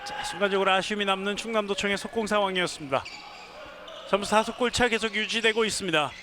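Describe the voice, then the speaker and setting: A high-voiced man calls a live handball game over clearly audible hall noise. He works as the play-by-play announcer, following each pass and given to excited, drawn-out shouts on scoring plays. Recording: clear arena noise behind the voice.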